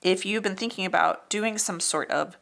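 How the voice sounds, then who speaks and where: A woman's voice: medium pitch, normal speed, gravelly, fairly bright tone. A woman giving a pick-a-card tarot reading, chatty and gushing, full of spiritual talk. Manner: chatty with frequent likes and you knows.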